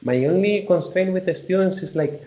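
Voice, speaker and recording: A man's voice: sits high, a little fast, dark tone, roomy sound, low-quality recording. A man from Spain, a professor, talking casually on a call with many fillers. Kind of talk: casual video call discussion.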